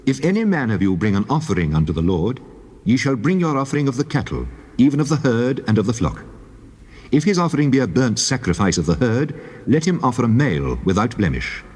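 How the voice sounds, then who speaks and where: An actor playing a solemn God who gives the law in measured, stately commands in a scripture drama. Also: male voice, on the low side, darkish tone, slightly rough. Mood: louder, commanding. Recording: long cavernous reverb on voice.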